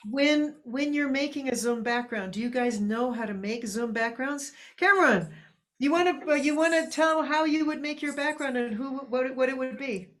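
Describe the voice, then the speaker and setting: A woman's voice: high voice, moderate pace, fairly bright tone. Chatty woman hosting a video call. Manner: chatty, laughs often, asks others to speak. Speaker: meeting host. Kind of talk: casual video call talk.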